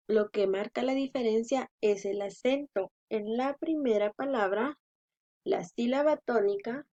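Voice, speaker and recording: A woman's voice: mid-range voice, darkish tone. Female teacher, patient, syllable-stressing delivery; dull lo-fi recording. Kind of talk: slow explanatory lesson for children. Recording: dull lo-fi sound.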